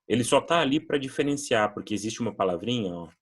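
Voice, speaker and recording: Husky-voiced Brazilian man teaching English. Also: medium pitch, animated, fast talker. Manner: explains patiently, models pronunciation with drills. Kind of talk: recorded classroom lesson.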